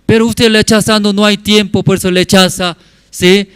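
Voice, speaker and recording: A man's voice: sits high, flat delivery, moderate pace, fairly bright tone, clear, resonant tone, no room sound, soft background music, voice pushed up. A man voicing a tearful woman church member who pleads emotionally. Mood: pleading.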